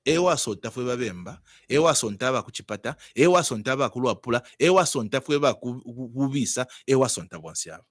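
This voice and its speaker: A man's voice: medium pitch, expressive, fast, dry recording, studio quality. A man with a Zambian accent speaking as a politician in an interview, arguing emphatically and repeating words and phrases.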